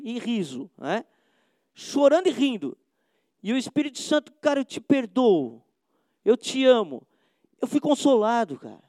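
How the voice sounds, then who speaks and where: A man's voice: very high-pitched, a little mellow, no room sound. A male pastor from Brazil preaching a sermon, impassioned and slangy, dropping "cara" into almost every sentence.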